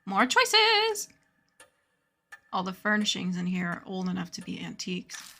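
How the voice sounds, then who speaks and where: A woman's voice: on the low side, level tone, brisk, vocal fry, a bit bright. A woman playing a horror visual novel, reading the narration aloud in a dramatic way. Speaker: game player reading aloud. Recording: faint music behind the voice.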